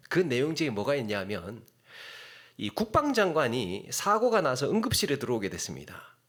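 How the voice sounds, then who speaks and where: A middle-aged man preaching a sermon as a pastor, telling a story with sudden hushed drops and sharp rises for emphasis. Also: a little high.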